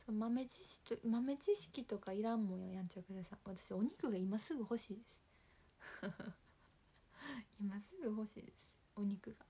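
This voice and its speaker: A young woman with a Kansai accent, chatting casually on a livestream and reading viewer comments in a soft, calm voice that often drops near a whisper. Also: mid-range voice, normal speed, breathy edge. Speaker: livestream host. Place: home.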